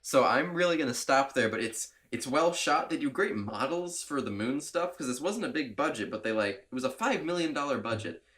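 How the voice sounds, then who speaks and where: A young man chats on a casual movie podcast at an ordinary, middle pitch. He rambles with enthusiasm, backtracks often and slips in frequent laughs. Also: lively intonation, a little fast, few pauses, fairly bright tone. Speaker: podcast co-host.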